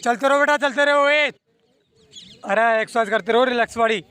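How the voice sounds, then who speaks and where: A man's voice: extremely high pitch, fairly quick, clean tone. A man coaching runners outdoors, calling out lap times and repeatedly urging them to keep going. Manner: repetitive, encouraging shouts. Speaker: running coach. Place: outdoor running ground.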